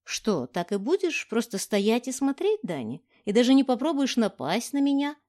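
A woman's voice: on the high side, big pitch swings, moderate pace, a little mellow. A woman voicing a scheming male villain in an audiobook, reading his lines in a taunting, sneering way.

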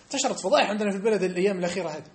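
A man giving a mosque study-circle lesson, animated and emphatic, often checking that his listeners understand. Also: high voice, rapid-fire. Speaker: religious teacher. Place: mosque hall.

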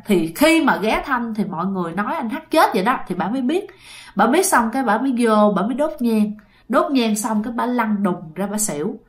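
A woman with a Southern Vietnamese accent telling true ghost stories to her listeners in a casual, chatty way, as the host of her own show. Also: a little high. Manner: chatty, addresses listeners directly. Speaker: storyteller host.

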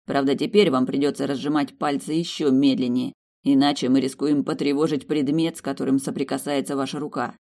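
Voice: medium pitch, flat delivery, fairly quick, hardly any pauses, a little mellow, close to an everyday voice. A reader voicing a stern vampire man who gives firm orders and curses under pressure.

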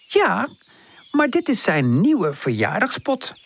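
Brief: male narrator as a kind, caring aunt figure, soft and friendly. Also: sits high, wildly swooping pitch, takes it slowly, pitched above the performer's own voice, exaggerated voice. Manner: gentle, soothing, chatty. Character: kindly motherly pear tree aunt, warm and caring.

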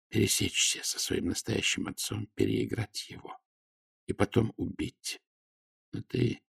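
A man voicing a gravely wounded young woman who speaks weakly but clearly, in a faint, halting way. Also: lowish voice, no room sound, clean studio sound, pitched above the performer's own voice, full character voice. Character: dying young woman, weak and tender.

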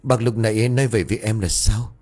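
A man's voice: fairly low pitch, steady tone, quick pace, a little mellow, breathy edge, soft background music. A man voicing an older village man at a funeral, earnest and stammering as he pleads. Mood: alarmed.

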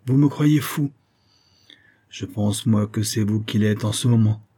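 A man's voice: lowish voice, a little slow, warm tone, husky. A man reading an audiobook, voicing a haggard male recluse who is convinced he is haunted and speaks with feverish dread.

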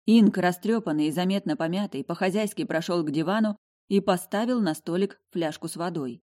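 Brief: female narrator with a lowish voice, expressive first-person fantasy audiobook reading. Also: fairly quick.

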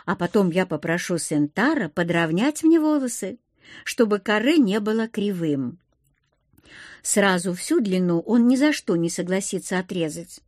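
A woman narrating a first-person audiobook with expressive, lively inner monologue. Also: medium pitch, dry recording, studio quality. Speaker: audiobook reader.

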